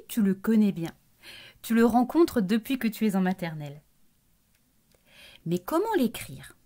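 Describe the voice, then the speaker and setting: Slow, lively-voiced woman teacher. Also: fairly high pitch. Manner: patient, deliberate, breaks words into syllables; addresses the child directly as "tu". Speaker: primary school teacher. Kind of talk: recorded lesson for young children.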